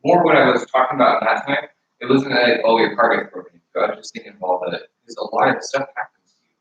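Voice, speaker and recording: A man's voice: medium pitch, quick pace, a bit bright, far from the mic. A man rambles earnestly through a casual argument, often restarting his sentences. He sits well back from the mic in a very echoey room, and the sound is dull with faint noise underneath.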